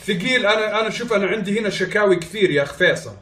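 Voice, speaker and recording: A man's voice: sits high, animated, very fast, fairly bright tone, a little hiss or hum. A man making a prank phone call in a hesitant, stalling way. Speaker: prank caller. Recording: echoey room.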